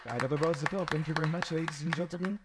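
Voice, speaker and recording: A man's voice: on the high side, racing, a loud crowd, very noisy. A man moderating a conference panel, introducing guests politely and hesitantly with many fillers. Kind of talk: formal event hosting.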